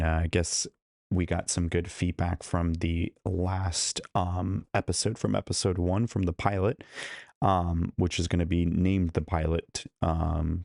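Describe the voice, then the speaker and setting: This man's low voice is gravelly with a darkish tone, and the recording has no room sound. He chats casually on a live stream from a hotel room, welcoming viewers individually while his voice fades, using a studio mic plugged into a laptop.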